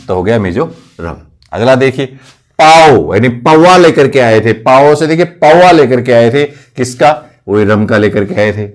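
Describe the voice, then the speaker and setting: A male coaching teacher explaining memory tricks for exam facts. He keeps asking questions and answering them himself, repeating key words. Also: mid-range voice. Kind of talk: mnemonic lesson for competitive exams.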